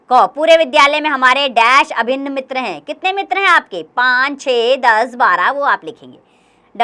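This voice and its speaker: A young woman teaches a children's grammar lesson. Her voice sits high and sounds clear and sharp. She talks patiently and encouragingly, often counting things out loud one by one. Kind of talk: explaining a workbook lesson to children.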